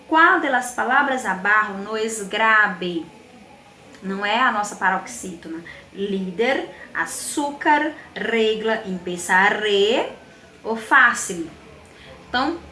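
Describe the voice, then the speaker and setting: A woman's voice: medium pitch, pushed and bright, roomy sound, a little hiss or hum. A Brazilian woman teaching a Spanish lesson in Portuguese with a Brazilian accent, patiently explaining exercises and checking in with the class.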